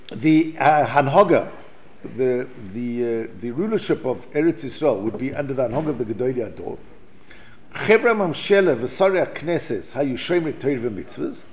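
A man from South Africa reads Hebrew passages in a Torah class and explains them in English, with frequent restarts and repeated words. He speaks at medium pitch in an animated way at a moderate pace. The recording is lo-fi and dull.

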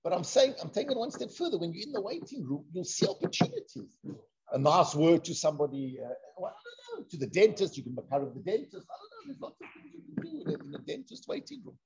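On a dull lo-fi recording, a fast-talking man whose voice sits high and slightly rough leads an informal Torah discussion. Excitable, he repeats himself and sprinkles in Hebrew and Yiddish terms.

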